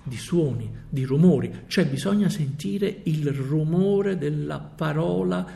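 A man's voice: a little high, slow, creaky, dark tone, slight background noise. A man commenting on theatre, explaining his ideas in an earnest, lecturing way for a radio documentary.

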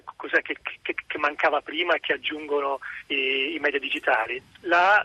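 A man's voice: fairly high pitch, pushed and bright, slightly rough, no room sound, lo-fi sound. A man, a radio scholar, answering interview questions, with many restarts and hesitations.

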